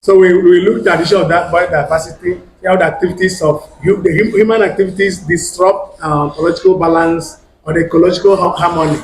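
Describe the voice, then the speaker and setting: A man with a Nigerian accent speaks in a formal academic register, his voice sitting a little high for a man. He poses rhetorical questions, often stops and restarts words, and a faint hiss of noise runs under the recording. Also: steady tone, fast, hardly any pauses, poor audio. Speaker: academic roundtable anchor.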